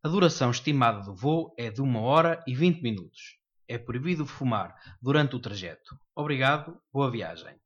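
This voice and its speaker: A man with a European Portuguese accent, reading a formal, measured in-flight cabin announcement over the PA. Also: mid-range voice, expressive. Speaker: announcer in a listening exercise. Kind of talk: scripted announcements. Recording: dull lo-fi recording.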